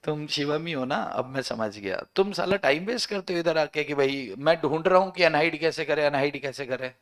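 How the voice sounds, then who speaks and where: A man's voice: on the high side, expressive, fairly quick, fairly bright tone. A man teaching a law class online, joking and bantering with his students.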